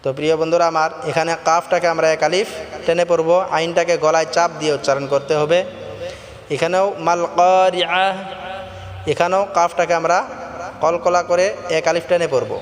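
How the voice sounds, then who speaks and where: A man teaching Quran recitation rules, slowly chanting verses in a melodic voice, then explaining pronunciation in quick plain speech. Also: on the high side, fairly even intonation, in a large hall. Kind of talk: tajweed lesson alternating chanted recitation and quick spoken explanation.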